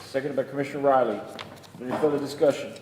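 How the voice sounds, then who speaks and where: A man's voice: medium pitch, fairly even intonation, fast talker, darkish tone. A man formally chairing a public meeting, reading agenda items in a procedural way. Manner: procedural, formulaic. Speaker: county judge chairing a meeting. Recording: echoey hall, long reverb, faint noise.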